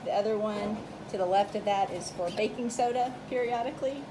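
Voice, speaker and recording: Filming on a handheld phone from behind the camera, a woman who owns the farm narrates a relaxed tour through her wooden goat barn, its doors open. She speaks briskly at a medium pitch against a noisy background.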